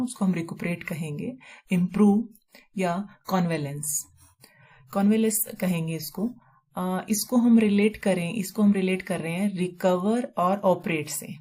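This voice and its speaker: Woman, vocabulary teacher, slightly low voice, repeats and spells out words, mixes in English terms. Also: dark tone. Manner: explains slowly, repeats words and spells them out letter by letter. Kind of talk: explaining vocabulary in a recorded lesson.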